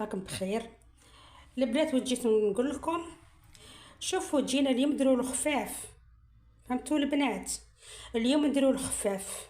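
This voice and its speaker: Algerian woman, middle-aged, cooking-channel host; talkative and repetitive, slightly high voice, roomy echo. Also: darkish tone. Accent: Algerian Arabic. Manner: chatty, repeats phrases, keeps addressing the viewers as "girls". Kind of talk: casual cooking tutorial. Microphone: phone camera, filming herself.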